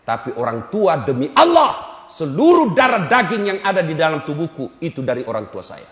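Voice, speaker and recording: A man's voice: fairly high pitch, big pitch swings, moderate pace. A male Islamic preacher giving a humorous sermon, teasing and calling out to his audience. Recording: echoey hall reverb.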